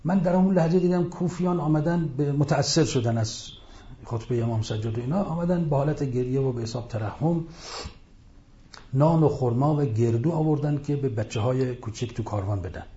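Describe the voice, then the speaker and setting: Male preacher, dark mellow voice, passionate lecture, muffled lo-fi sound. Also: mid-range voice, roomy sound. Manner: impassioned, rising to loud rhetorical outbursts. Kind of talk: religious lecture retelling history. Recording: dull lo-fi recording.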